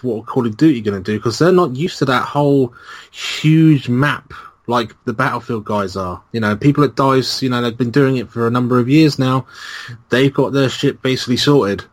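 A man with a mid-range voice co-hosts a casual gaming chat. He gives blunt opinions, laughs readily, and lets the odd swear word slip. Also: medium pitch. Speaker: podcast co-host.

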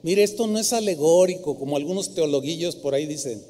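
A man with a Mexican accent preaching a sermon in an animated, humorous and scolding manner. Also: on the high side, fast, big-room sound. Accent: Mexican Spanish. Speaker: pastor. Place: church.

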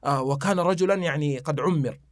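A man's voice: a little high, fast talker, dry recording, studio quality. A man, telling old anecdotes and reciting verse in a casual podcast chat. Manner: animated storyteller reciting poetry, fillers.

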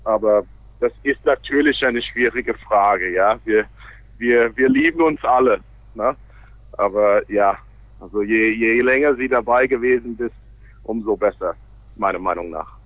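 A man's voice: fairly low pitch, unhurried, no echo. North American-accented man on a phone-like line. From Canada. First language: English. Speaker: interview guest, baseball player. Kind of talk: casual radio interview. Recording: narrow, phone-like radio sound.

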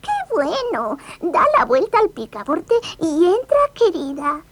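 A kind, frail old grandmother from a storybook, as a woman voices her. Her voice is thin and weak. It sits very high and moves about in a lively way. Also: unhurried, full character voice. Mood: tender. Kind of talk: storybook read-along voice acting.

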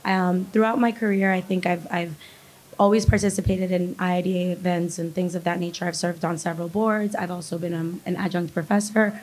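A woman senior interior designer with a strained voice, introducing herself haltingly on a panel. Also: fairly low pitch, flat delivery, a little mellow, rough recording. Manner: hesitant, halting with ums. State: voice strained from being unwell.

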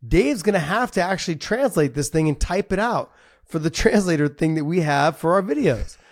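A man co-hosting a casual podcast, excitable and laughing often. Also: fairly high pitch, moderate pace. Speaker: podcast co-host.

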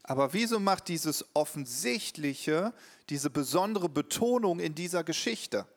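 A man's voice: on the high side, animated. Man interpreting a sermon live. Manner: quick, earnest interpreting with occasional hesitations.

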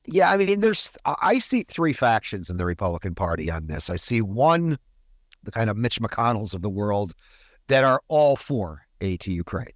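A man's voice: lowish voice, sing-song, normal speed, dry recording, clean studio sound. A man hosting a policy discussion, talking conversationally with wry asides.

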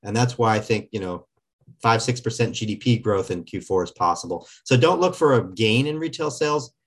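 Low-voiced man, hesitant analyst commentary. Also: lively intonation, brisk, slightly rough. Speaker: market analyst, podcast regular. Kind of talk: conversational market commentary.

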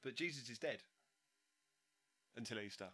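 A man with an Essex accent and a bright voice, co-hosting a casual podcast. He giggles often and keeps the banter moving with questions. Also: medium pitch, normal speed. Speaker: podcast co-host.

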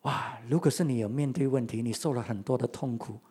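A preacher giving a sermon, retelling a story with many rhetorical questions and swings between loud and quiet. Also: mid-range voice, brisk, breathy edge.

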